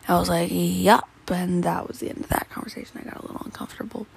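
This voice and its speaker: A woman's voice: lowish voice, little pitch movement, very fast, a little mellow. A teenage girl chatting casually to the camera, rambling with lots of fillers and slipping into whispers. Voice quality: gravelly creaky voice, often whispering. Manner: rambling, giggly, full of fillers like "like" and "um". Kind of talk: casual vlog chat.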